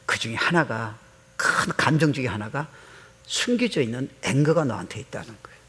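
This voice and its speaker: A man's voice: medium pitch, expressive, fairly quick, fairly bright tone, slightly rough. A middle-aged male pastor preaching a sermon, telling stories animatedly and mixing in English words. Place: church sanctuary. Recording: long hall reverb.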